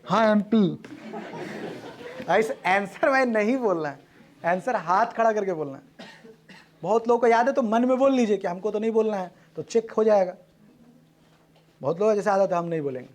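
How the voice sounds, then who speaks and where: Man, high voice, brisk classroom quiz teacher, echoes each answer back. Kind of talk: classroom quiz, calling on students. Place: classroom with students.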